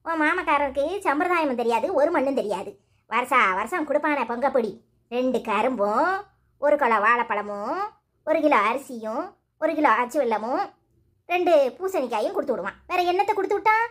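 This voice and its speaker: With lively intonation and a high-sitting voice, a woman plays a cartoon mother-in-law who is old, nagging and sharp-tongued. She scolds quickly and sarcastically in Tirunelveli Tamil.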